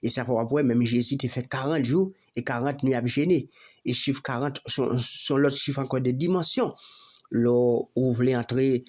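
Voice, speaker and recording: A man with a Haitian accent preaching a sermon, halting and repeating words as he lists Bible verses. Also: medium pitch, darkish tone.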